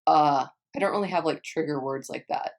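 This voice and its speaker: This young Texan vlogger has a deep, gravelly, slightly mellow voice and talks a little fast. She answers viewer questions casually, rambling, cursing often, and breaking off mid-thought to restart.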